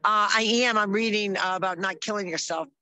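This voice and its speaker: A woman's voice: medium pitch, brisk, a loud crowd, low-quality recording. A woman co-hosting a casual podcast chat, upbeat and chatty, often losing her train of thought. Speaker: co-host. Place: outdoors in the mountains.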